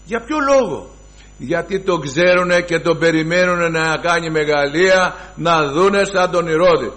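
A man preaching a sermon to his brothers, emphatic, swinging from loud exclamations to hushed asides and reciting scripture in formal archaic wording. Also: on the high side, steady tone. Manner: addresses the listeners as brothers.

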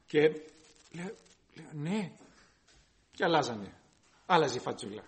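High-voiced man preaching earnestly. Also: big pitch swings. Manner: earnest, repetitive, exhorting. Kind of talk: sermon.

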